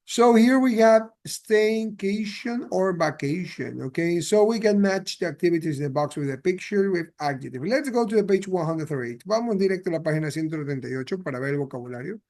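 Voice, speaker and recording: A man's voice: on the high side, lively intonation, fairly quick, hardly any pauses, darkish tone. A man with a slightly raised voice explains grammar patiently to his students. He switches easily between Spanish and English. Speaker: English teacher. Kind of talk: classroom grammar lesson.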